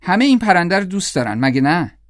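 A man's voice: high-pitched, very animated, no echo, clean studio sound, voice pushed up. A man voicing a cheerful mother who coaxes the family toward her idea. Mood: coaxing. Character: cheerful mother suggesting names.

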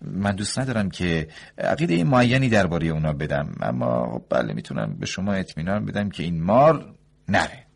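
A man voicing a nervous, fussy young doctor in a read-aloud story, his voice pushed high and loud in eager bursts. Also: sing-song, breathy edge, heavily acted. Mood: agitated. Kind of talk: audiobook story reading.

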